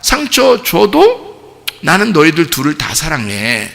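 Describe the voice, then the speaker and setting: A man's voice: fairly high pitch, wildly swooping pitch, slow, vocal fry, a bit bright. A male pastor giving a chatty, storytelling sermon, often throwing rhetorical questions to the congregation. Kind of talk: conversational sermon. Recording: long hall reverb.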